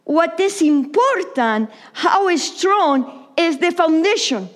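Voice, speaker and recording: In a very high, sing-song voice, a woman pastor delivers a sermon during a church service. She comes from Argentina, has an Argentine accent, and speaks Italian as her first language; her English is halting and repetitive, occasionally lowering to a whisper.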